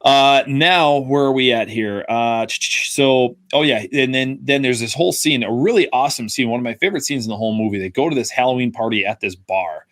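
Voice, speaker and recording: A man's voice: mid-range voice, fairly quick, few pauses, a bit bright, no room sound. Rambling male podcast host, dry sound. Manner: rambling, many fillers and restarts. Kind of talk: casual film review chat.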